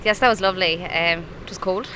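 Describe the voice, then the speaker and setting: A woman's voice: on the low side, fairly quick, background noise. A woman with a northwest Mayo Irish accent, talking about herself in an interview with a lilting, storyteller-like manner. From northwest County Mayo, Ireland. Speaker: drama group producer and stage performer. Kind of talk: interview talk, personal reminiscence.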